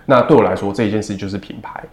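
A man in his thirties with a Taiwanese Mandarin accent, speaking as an interview guest in a measured, reflective way with many fillers. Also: fairly low pitch, darkish tone. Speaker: second-generation family business heir. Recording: roomy echo.

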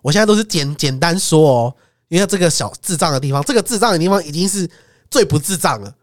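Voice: mid-range voice, expressive, fast talker, no echo, clean studio sound. A podcast co-host, telling a travel story in casual chat, laughing often and swearing casually.

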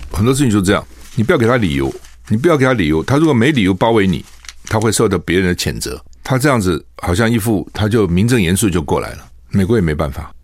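Older man, animated radio commentary. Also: on the low side, no echo, clean studio sound. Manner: animated, rhetorical questions, emphatic. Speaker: radio talk show host. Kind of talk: casual political radio commentary. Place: radio studio. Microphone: studio microphone.

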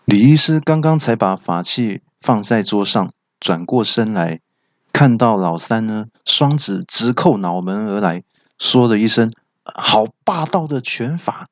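A man, a podcast host telling a comic tale in lively martial-arts style. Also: lowish voice, a little slow, dry recording, highs cut off. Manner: lively, wuxia-style action narration. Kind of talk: comic storytelling.

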